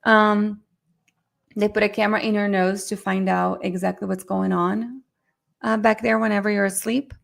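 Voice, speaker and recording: A middle-aged woman giving a live online lecture on therapy cases, talking fast and chatty and often addressing her audience directly. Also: mid-range voice, little pitch movement, gravelly. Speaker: myofunctional therapy instructor.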